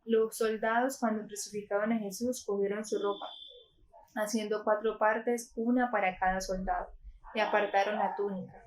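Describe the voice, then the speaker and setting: A woman from Colombia reading a Gospel passage aloud in a calm, measured way, with a few small slips. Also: mid-range voice, rough recording. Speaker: scripture reader.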